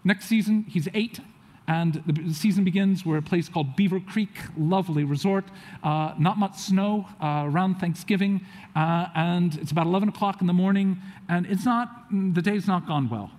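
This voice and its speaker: Man, high-voiced storyteller, animated with acted quotes, long hall reverb. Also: moderate pace. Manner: animated, acts out quotes of others. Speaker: speaker telling a family story. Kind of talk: storytelling talk to an audience. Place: auditorium.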